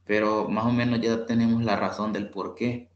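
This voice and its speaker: A man giving a patient bilingual grammar lesson as an English tutor, repeating example words slowly. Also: on the low side, fairly even intonation, reverberant, muffled recording, a little hiss or hum.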